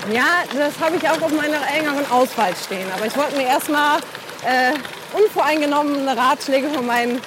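Woman chatting on her bike outside, high voice, lots of road noise. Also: a little fast. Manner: chatty, asks questions. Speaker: vlogger and host. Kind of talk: casual chat while cycling. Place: outdoors on a group bike ride. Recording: loud outdoor wind and traffic noise.

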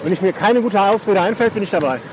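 A man's voice: high voice, quick pace. A man, an experienced rider, giving laid-back joking advice while cycling outdoors. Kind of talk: casual chat while cycling. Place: outdoors on a group bike ride in rain. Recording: loud outdoor wind, rain and traffic noise.

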